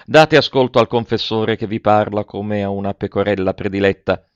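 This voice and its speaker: A man's voice: lowish voice, normal speed, no echo, lightly acted. A man voicing an earnest village priest in an audiobook reading, admonishing and persuasive. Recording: dry, dull lo-fi.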